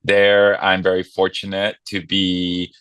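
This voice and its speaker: Man, from Hawaii, low deep voice, interview guest, friendly, self-deprecating, dry close sound. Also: monotone, takes it slowly, fairly bright tone, clean tone, no echo. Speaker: guest, nonprofit marketing director. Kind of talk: casual interview chat.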